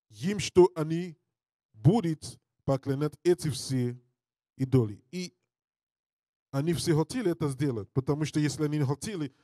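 Slow, mellow preacher, man with foreign accent. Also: medium pitch, no room sound, clean studio sound. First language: not a native Russian speaker. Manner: halting, repeating phrases. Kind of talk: Bible teaching with scripture reading. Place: indoor studio with draped backdrop. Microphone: handheld mic held close.

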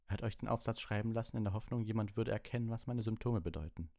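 A man's voice: lowish voice, fast, dark tone, no echo, studio quality, voice pushed up, lightly acted. A man voicing a middle-aged male wizard teacher who speaks in a strained, controlled way. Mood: cool. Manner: strained, controlled, coolly explaining.

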